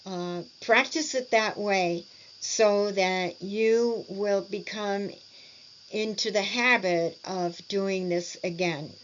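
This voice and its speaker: A woman teaching speech and swallowing exercises, over-articulating practice words and clearing her throat often. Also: mid-range voice, lo-fi sound, a little hiss or hum. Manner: deliberate, over-articulated word drills with frequent throat clearing. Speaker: speech therapy instructor. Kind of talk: slow instructional walkthrough.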